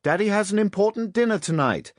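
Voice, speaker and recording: A man's voice: extremely low pitch, wildly swooping pitch, normal speed, husky, no echo, studio quality, exaggerated voice. A man voicing a prim, anxious middle-class mother in an audiobook, clipped and disapproving. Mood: busy.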